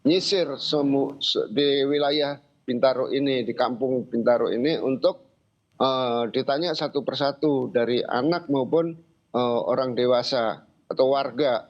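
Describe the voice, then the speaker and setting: Older male interviewee, halting and informal, recounting events; middle-pitched voice on muffled, lo-fi audio. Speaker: interviewee, grandfather of a missing child. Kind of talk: spoken interview account. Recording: dull lo-fi sound.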